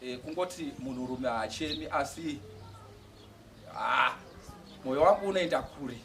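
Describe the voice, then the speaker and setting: A man giving a church testimony, speaking haltingly and with feeling, often restarting words. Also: mid-range voice, a bit bright. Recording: distant mic with faint outdoor noise.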